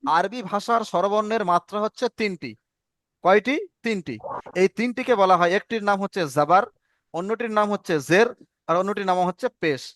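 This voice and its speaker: Over an online call, a man leads a reading class, stopping to pose questions and then answering them himself. His high, slightly bright voice is recorded dry, with no room sound or echo.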